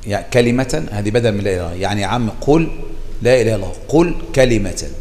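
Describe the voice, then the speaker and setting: Explaining a classical text in a lively religious lesson, an Egyptian Arabic-accented man repeats key phrases to stress them. He talks rapid-fire in a lowish voice, with a big-room sound.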